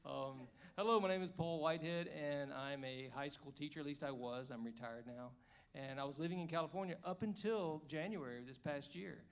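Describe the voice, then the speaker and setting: A man's voice: fairly high pitch, fairly quick, clear, resonant tone. A man in his fifties from Georgia, a candidate giving a chatty, joking forum speech at an indoor evening event. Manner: joking, chatty, rambling asides. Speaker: congressional candidate.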